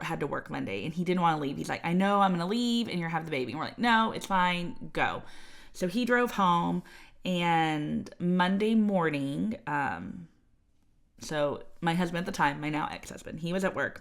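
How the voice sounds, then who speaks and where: A woman's voice: on the low side, moderate pace, gravelly, fairly bright tone. A woman, chatting as podcast co-host and telling a personal story with lots of fillers and quoted voices. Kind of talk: casual chat, telling her birth story.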